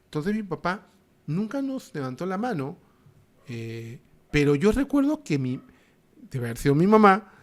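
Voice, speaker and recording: A middle-aged man with a Peruvian Spanish accent reminisces in a casual chat. His voice sits a little high, and his manner is relaxed. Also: moderate pace, pauses often. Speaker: podcast co-host.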